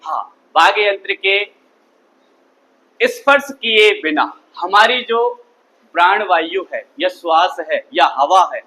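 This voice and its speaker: High bright-voiced Hindi grammar teacher. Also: male voice, rough recording. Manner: drills students with call-and-response questions. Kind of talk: classroom lecture.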